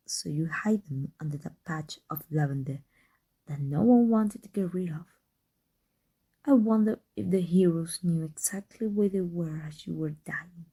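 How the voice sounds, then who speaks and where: A woman performs an intense ASMR roleplay monologue as an embittered villain harboring secret love for a rival. Her exaggerated voice is on the low side and dark in tone, husky, breathy, and frequently falling to a whisper.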